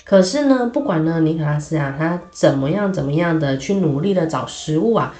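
A woman's voice: deep voice, lively intonation, brisk, dark tone, echoey room, faint music behind. A woman telling a children's story in a chatty way, with many filler particles.

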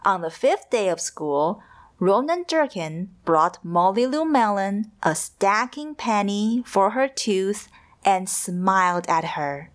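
A woman reads a picture book aloud at an unhurried pace. Her voice rises and falls freely, and her manner is gentle and expressive, as if for young listeners. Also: mid-range voice. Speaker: storyteller.

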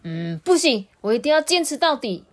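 A woman voicing a stubborn little boy dinosaur who whines loudly and insists on his way. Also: high voice, big pitch swings, normal speed, voice pushed up. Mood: sulking. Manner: whiny, loud and insistent.

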